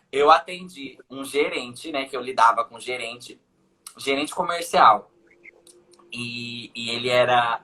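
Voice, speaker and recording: A man's voice: on the high side, pushed and bright, a little hiss or hum. A man with a Brazilian accent, hosting a casual live-stream chat and telling stories in a mocking, ironic way. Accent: Brazilian Portuguese. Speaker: host.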